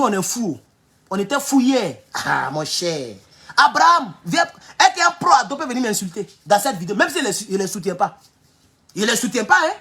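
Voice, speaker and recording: A man with an Ivorian French accent, an online political commentator, reads viewer comments casually on a livestream. He is animated, laughing and making mocking asides, dropping to low mutters before flaring up loudly. He has a sore back.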